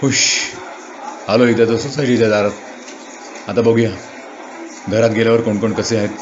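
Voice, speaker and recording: A man's voice: fairly low pitch, little pitch movement, normal speed, a crowd in the background. A man performing a dramatic first-person monologue, sounding bewildered and asking himself questions. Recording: dull, muffled lo-fi recording.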